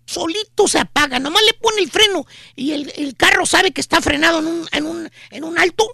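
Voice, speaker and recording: A man's voice: very high-pitched, brisk, gravelly, pushed and bright, no echo, studio quality. A man with a Mexican accent telling a slangy, mocking comic story as a radio show host. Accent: Mexican Spanish.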